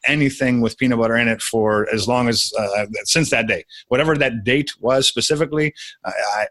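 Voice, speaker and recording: A man's voice: medium pitch, a little fast, fairly bright tone, no room sound. A young adult man, a podcast guest, telling a personal story in casual conversation with many restarts.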